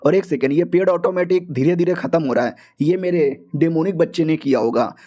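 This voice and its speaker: High-voiced man narrating an anime recap. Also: a little fast, mellow. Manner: slangy, joking asides. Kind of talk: casual comic storytelling.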